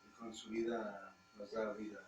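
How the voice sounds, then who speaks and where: A man's voice: lowish voice, little pitch movement, normal speed, a little mellow, lo-fi sound, faint music behind. A man, a congregation member who tentatively adds his thoughts during a Bible-study discussion. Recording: roomy church hall, distant mic, faint hum.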